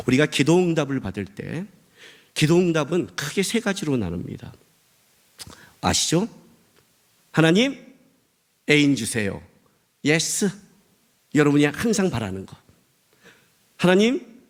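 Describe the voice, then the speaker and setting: A man preaching a sermon as pastor, animated and full of rhetorical questions to the congregation. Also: medium pitch, gravelly.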